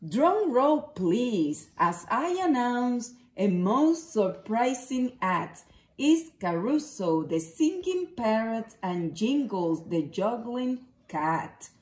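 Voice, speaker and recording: A woman's voice: on the high side, very animated, slow pace, a little mellow. A woman reading a picture book as a showy, welcoming girl circus ringmaster announcing her show. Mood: showy, excited. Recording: roomy home echo.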